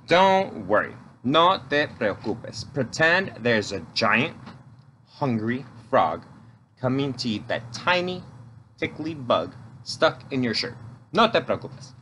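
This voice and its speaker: Playful bilingual storytime host, slow and bright. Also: male voice, mid-range voice, slight background noise. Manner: switches between English and Spanish, playful and coaxing. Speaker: children's librarian storytime host.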